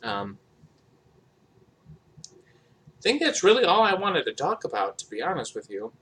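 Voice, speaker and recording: A man casually chatting while cooking in his home kitchen, sounding low-energy and a bit sick with a dry throat, talking in a monotone full of fillers. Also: fast. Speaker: cooking vlogger. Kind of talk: casual cooking vlog chat. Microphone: camera across the kitchen.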